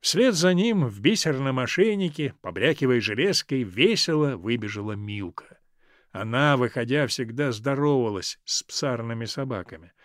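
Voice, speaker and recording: A man reading a literary story aloud as an audiobook narrator, in an expressive storytelling manner. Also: medium pitch, normal speed, no room sound, clean studio sound.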